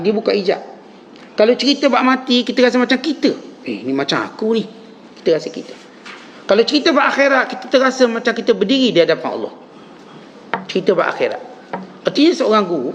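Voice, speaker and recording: Malaysian ustaz man preaching at dawn, kinda high voice, punches up the big lines, dull muffled recording w faint hiss. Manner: animated preaching, rising emphatic pitch on key phrases. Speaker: religious teacher. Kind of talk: dawn mosque lecture. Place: mosque lecture hall.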